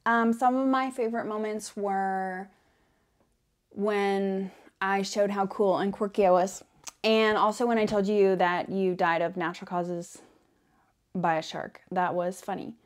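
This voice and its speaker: A woman playing a quirky female devil in an ASMR role-play, talking in a playful, deadpan ramble with frequent self-interruptions. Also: medium pitch, unhurried, natural voice. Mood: smug, playful. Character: quirky female devil welcoming a newcomer to hell.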